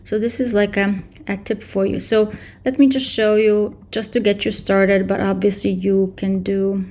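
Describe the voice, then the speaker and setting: At her computer indoors, a tutorial presenter in her thirties casually screen-shares a software walkthrough, going step by step and using many fillers. Her medium-pitched voice keeps a level tone at a normal pace.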